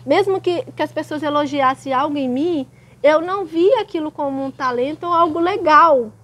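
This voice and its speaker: A young woman tells her personal testimony in a vlog, hesitant, pausing and restarting her sentences. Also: high voice, fairly bright tone. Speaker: vlogger sharing testimony.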